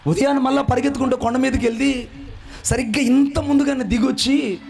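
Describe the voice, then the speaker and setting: A man preaching a fervent sermon, telling his own story and rising into shouts and chanted phrases. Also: extremely high pitch, fairly even intonation, fast talker, creaky, crowd noise. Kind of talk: sermon with personal testimony.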